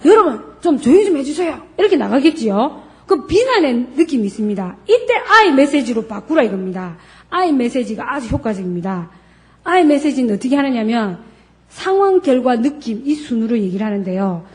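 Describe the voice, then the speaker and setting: Lively high-pitched woman lecturing. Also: moderate pace. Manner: acts out quoted dialogue with lively pitch swings.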